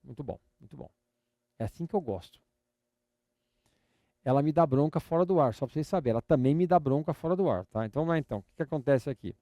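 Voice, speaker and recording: An older Brazilian man teaches a live lesson in a slightly high, mellow voice. He drills each word patiently and repeats himself often, with a playful, teasing edge. The sound is dry and close. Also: expressive, quick pace, pauses often, dry recording. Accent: Brazilian Portuguese. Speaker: English teacher.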